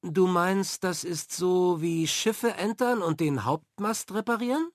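A man's voice: unhurried, no echo, studio quality. A man doing a small, anxious girl. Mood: curious. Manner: high, small, soft voice.

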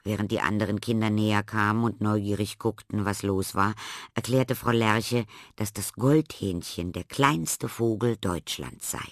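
Male storybook narrator, lower voice, dry close mic, expressive delivery. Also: unhurried, dry recording. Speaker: audiobook narrator. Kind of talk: scripted children's story narration.

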